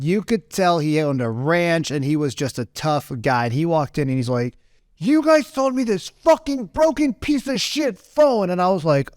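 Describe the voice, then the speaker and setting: A man's voice: fairly high pitch, darkish tone, no echo, clean studio sound. A man in his thirties, a podcast guest, telling a casual story and rambling with lots of "right?" and "like.".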